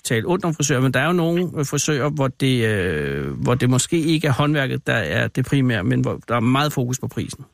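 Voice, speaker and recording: The gravelly, mid-range voice of this animated host barely pauses, and the clean studio recording has no room sound. Chatting casually with a caller on the radio, he feels his way through questions and teases along the way.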